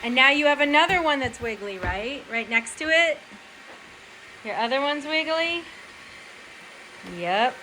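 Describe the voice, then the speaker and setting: Higher-pitched woman, casual home chat. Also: lively intonation, a little slow, long pauses, sharp tone, a little hiss or hum, poor audio. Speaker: parent hosting a home video.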